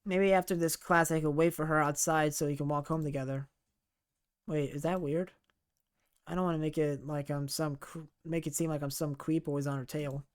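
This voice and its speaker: Reading a visual novel's text aloud in a let's play, this man has a slightly high, clean voice with fairly even intonation at a normal speed. He's chatty, often corrects himself mid-sentence, and laughs at himself during casual asides.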